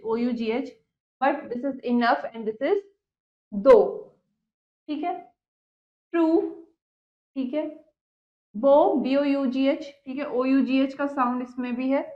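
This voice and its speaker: A woman teacher explaining an English poem line by line. She reads the English lines slowly and explains them more quickly. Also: high voice. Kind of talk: classroom lesson explaining a poem. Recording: echoey room, dull lo-fi sound.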